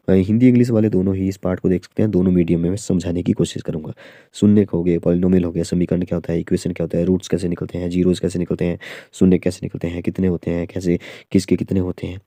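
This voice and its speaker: A man teaches exam maths in an unhurried, stepwise way, with plenty of filler sounds. His voice is low and very mellow. The recording is close and dry. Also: no room sound. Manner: explains slowly with many fillers and "theek hai". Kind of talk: online exam-prep lesson.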